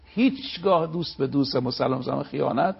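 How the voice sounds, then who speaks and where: A man giving a religious talk on a live TV program. He tells moral stories and recites sayings slowly, stressing each word. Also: medium pitch, creaky, slightly rough, lo-fi sound. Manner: preaching, storytelling, slow stressed recitation of sayings. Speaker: religious speaker.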